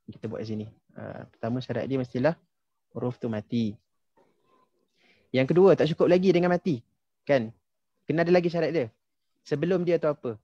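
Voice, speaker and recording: Mellow man teaching online. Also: mid-range voice, a little fast, long pauses, no echo, dull audio. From Malaysia. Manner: patient, quizzes students, many fillers like ha and okey. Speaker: tajwid teacher. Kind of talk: casual online class instruction.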